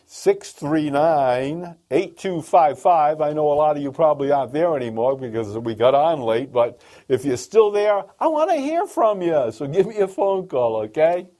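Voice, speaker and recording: A man's voice: on the high side, moderate pace, warm tone. A man hosting a call-in business radio show, talking emphatically and piling up repeated phrases. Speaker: radio talk show host.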